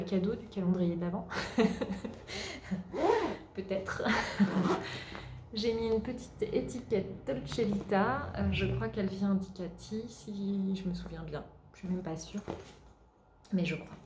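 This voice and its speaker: A woman hosting a craft podcast, casually showing her work and pausing often with fillers. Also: mid-range voice, background noise. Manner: hesitant, many filler pauses. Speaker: podcast host. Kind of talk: casual show-and-tell chat. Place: at home. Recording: roomy echo.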